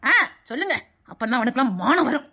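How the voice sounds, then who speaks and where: A woman's voice: high voice, quick pace, voice pushed down, full character voice. A woman voicing a protective motherly aunt who coos endearments at the children. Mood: indignant. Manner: cooing endearments, lively rise and fall.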